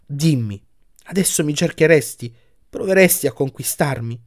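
A man voicing a sorrowful young woman in an audiobook, speaking softly and quietly as she lets her lover go. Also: fairly high pitch, animated, moderate pace, natural voice. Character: young woman, sad, gently firm.

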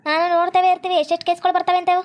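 A woman with a North Karnataka Kannada accent playing a stern police officer who scolds and threatens in a rapid way. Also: very high voice, little pitch movement. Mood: scolding.

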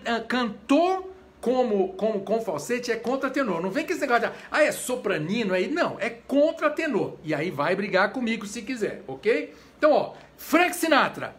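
A Brazilian conductor with a Brazilian Portuguese accent, giving a chatty, informal lecture on voice types. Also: male voice, high-pitched. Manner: animated, chatty, breaks into short sung examples. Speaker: conductor and voice teacher. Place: home during quarantine.

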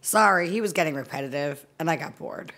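A woman playing a gravelly tough ship engineer. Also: a little fast. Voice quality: low, gravelly voice. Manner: crude, deadpan. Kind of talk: audio drama.

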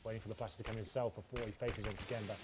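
Fast-talking esports caster, man. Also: fairly low pitch, fairly even intonation, heavy background noise. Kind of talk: live esports commentary with casual banter. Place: broadcast studio desk. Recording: clear game gunfire and clicks behind.

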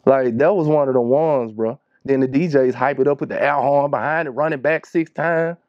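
This interview guest is a music producer in his thirties, originally from Shreveport, Louisiana, whose Southern accent colors his casual, slangy storytelling. He talks at normal speed with a medium-pitched voice. Recorded in a small wood-panelled studio, the audio has no echo but its highs are cut off.

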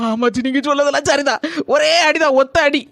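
A woman's voice: high voice, fairly quick, fairly bright tone, no room sound, studio quality. A woman with a Kanyakumari Tamil accent, complaining and pleading in a cartoon comedy.

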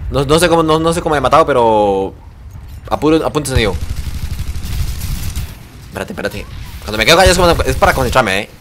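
Excitable gamer man. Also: mid-range voice, fast, pauses often, a little hiss or hum. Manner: excitable, swearing, reacting loudly to the game. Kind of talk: gameplay commentary.

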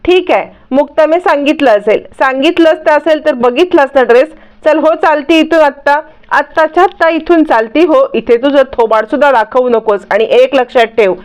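A woman's voice: high-pitched, a little mellow, natural voice. A woman voicing a stern middle-aged mother-in-law who scolds an intruder in a storybook-style retelling.

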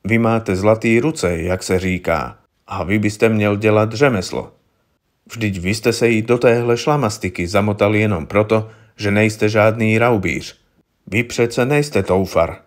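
A man reading aloud, voicing a shrewd older police inspector who speaks calmly with dry irony. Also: fairly low pitch, close to an everyday voice. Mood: lecturing.

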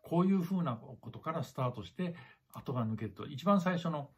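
A man's voice: fairly high pitch, lively intonation, a little fast, over loud music. A man teaching clarinet in a spoken lesson, who repeats his points, talks straight to the listener, and sings rhythms aloud to show them. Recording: dull lo-fi recording.

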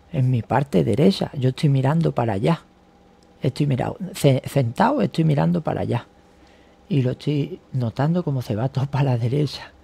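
Gravelly man, agitated vlogger. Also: mid-range voice, warm tone. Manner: agitated, rambling, swears often. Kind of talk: casual monologue to camera.

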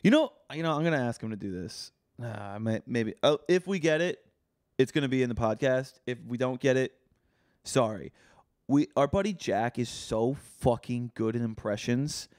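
A man's voice: medium pitch, animated, moderate pace, a little mellow, no echo, studio quality. A young man co-hosting a podcast, chatting casually with profane, teasing banter. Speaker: podcast co-host. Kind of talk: casual chat.

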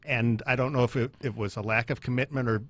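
A man co-hosts a studio talk show with joking, wry banter. His voice sits at an average pitch for a man. The sound is dry and close. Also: steady tone, fast talker, a bit bright, no room sound.

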